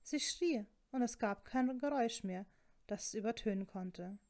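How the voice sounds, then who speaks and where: A woman narrating a fan fiction story in a steady, even reading voice. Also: on the high side, normal speed.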